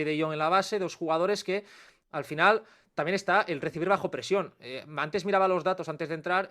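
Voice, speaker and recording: A man with a Spanish accent, a football pundit giving quick, analytical commentary on a sports talk show. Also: on the high side, a bit bright. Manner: fast, analytical, dense run-on sentences.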